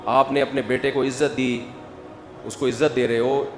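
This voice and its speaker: Animated male preacher in an echoey hall. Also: mid-range voice. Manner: animated, acts out quoted voices, builds to loud emphasis. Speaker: Islamic preacher. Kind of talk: humorous religious talk. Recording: echoey hall with faint music.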